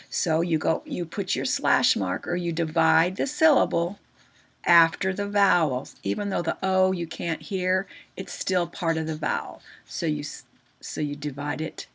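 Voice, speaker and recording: A woman teaching a grammar lesson in a slow, unhurried way, her voice low-pitched with a gravelly edge. She keeps checking in with her students through short questions. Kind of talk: recorded homeschool grammar lesson.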